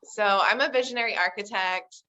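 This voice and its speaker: An American-raised woman presents her work over a video call, her voice bright and her manner eager and upbeat. She speaks in a middle pitch, often pausing with an um as she explains. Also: highs cut off. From United States. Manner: enthusiastic, upbeat, frequent ums. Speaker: visionary architect presenting. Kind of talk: online meeting presentation. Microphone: computer mic on video call.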